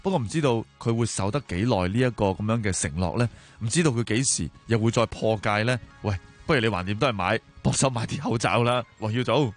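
A man's voice: on the low side, fast, few pauses. A man with a Hong Kong Cantonese accent hosts a talk show, commenting and telling stories in a colloquial, conversational way with rhetorical questions. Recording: music behind the voice. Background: background music.

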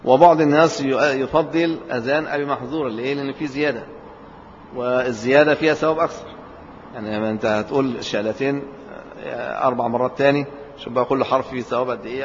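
A man with an Egyptian accent teaches a religious lesson at a brisk pace, laying out each point and asking rhetorical questions that he answers right away. His voice rings with a long hall reverb. The recording sounds slightly muffled and lo-fi, with a faint hiss underneath. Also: medium pitch. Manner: explains step by step, poses rhetorical questions and answers them.

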